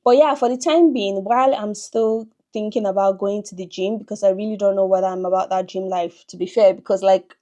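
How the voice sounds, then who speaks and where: A young woman talks straight to her viewers in a loose, chatty vlog. Her pitch sits mid-range for a woman. She keeps breaking off into quick, self-amused asides. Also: fairly even intonation, dark tone, dull audio. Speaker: lifestyle vlogger. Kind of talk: casual vlog chat to camera.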